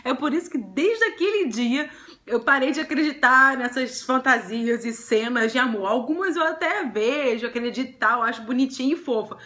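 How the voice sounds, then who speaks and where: A young Brazilian woman vlogger telling a personal love story to camera, chatty and animated, often breaking into giggles. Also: sits high, normal speed. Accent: Brazilian Portuguese.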